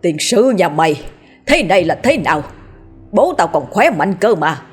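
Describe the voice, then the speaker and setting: A quick-tempered middle-aged man barks out scolding and curses in a lowered, husky voice, as a woman puts him on. He sounds pushy and impatient. It comes from a narrated ghost story with faint music behind. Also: animated. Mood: angry. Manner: gruff, scolding, cursing.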